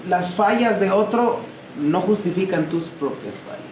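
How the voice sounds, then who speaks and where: A man giving an emphatic, animated church talk, speaking straight to his listeners. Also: high voice, unhurried. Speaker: preacher. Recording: echoey church room with noise.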